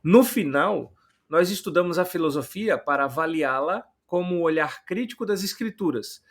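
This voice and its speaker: A man's voice: fairly high pitch, lively intonation, moderate pace. A man hosting a casual podcast, reading listener comments aloud and adding joking asides. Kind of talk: casual theological podcast chat.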